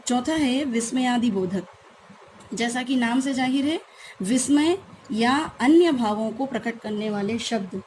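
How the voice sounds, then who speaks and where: Woman teacher, grammar lesson, patient explaining, mellow tone, fairly high voice. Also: a little hiss or hum. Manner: patient, explanatory, repeats key terms. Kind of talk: grammar lesson for school students.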